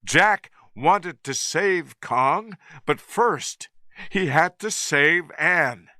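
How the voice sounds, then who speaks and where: A man narrating a story at a very slow, deliberate pace for English learners. His voice is bright and lively in pitch, recorded dry and close. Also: dry recording. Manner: clear, deliberate reading.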